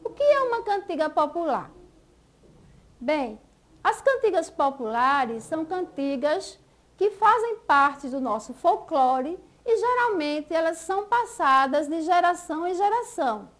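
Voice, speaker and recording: Woman, Brazilian accent, school TV teacher, high voice, unhurried, drawn-out example words. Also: sing-song. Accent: Brazilian Portuguese. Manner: patient, stretches out example words syllable by syllable. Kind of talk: school TV lesson.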